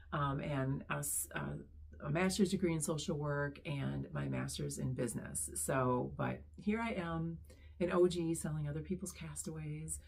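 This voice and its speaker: A middle-aged woman, hoarse after losing her voice, chatting casually as she introduces her reselling channel with many pauses and ums. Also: low-pitched. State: hoarse, recovering lost voice. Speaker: online reseller, channel host.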